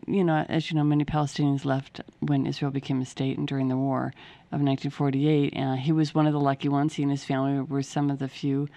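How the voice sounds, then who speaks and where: Low, mellow-voiced woman guest. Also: level tone, fast talker, few pauses, dry recording. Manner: earnest, explanatory, with restarts. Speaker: author and guest. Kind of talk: radio interview answers.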